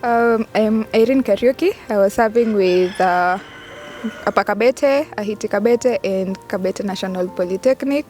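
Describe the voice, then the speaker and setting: A woman's voice: mid-range voice, moderate pace, darkish tone. A woman with a Kenyan accent introducing herself and answering interview questions. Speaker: programme participant being interviewed. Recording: faint music behind the voice.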